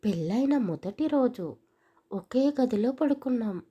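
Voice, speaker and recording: A woman's voice: a little high, lively intonation, a little slow, dark tone, breathy edge, dull audio. A woman voicing a timid, innocent young bride, asking meek, hesitant questions. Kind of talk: audio story acting.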